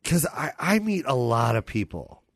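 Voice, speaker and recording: A man with a hoarse voice hosting a casual podcast as a stand-up comedian, animated and repeating phrases for emphasis. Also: medium pitch, unhurried, dry recording, studio quality. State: hoarse voice after many shows.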